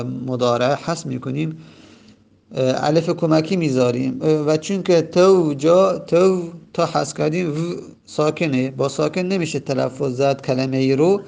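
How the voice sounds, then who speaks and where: A man teaching a grammar lesson, repeating each form slowly and spelling it out, with frequent hesitant fillers. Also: fairly high pitch, creaky, a little mellow. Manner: patient, repeats forms slowly and spells them out; hesitant fillers between points. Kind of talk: lecture on Arabic verb morphology.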